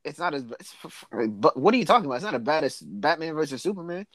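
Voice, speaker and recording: A young man in casual chat with friends, joking and breaking into loud excited bursts. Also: a little high, very fast, no room sound, studio quality.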